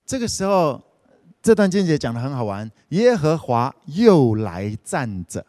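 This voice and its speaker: A man's voice: fairly high pitch, sing-song, unhurried, darkish tone, no room sound, clean studio sound. A man preaching in a casual, storytelling way, retelling a scripture story playfully with frequent interjections. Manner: chatty, retells scripture scenes playfully, sprinkles "OK".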